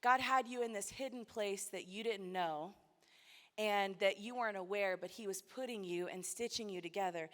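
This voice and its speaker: A woman's voice: medium pitch, moderate pace, a bit bright. A woman preaching a sermon to a conference, emotional and close to tears at times. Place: large church hall. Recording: long church hall reverb.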